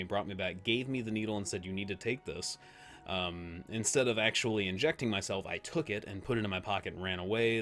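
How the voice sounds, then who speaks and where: Man, game streamer, low voice, casual chatty, reacts and laughs, faint background music. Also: a bit bright. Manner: chatty, reacts aloud, greets chat viewers, laughs often. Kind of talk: casual live-stream gameplay chat.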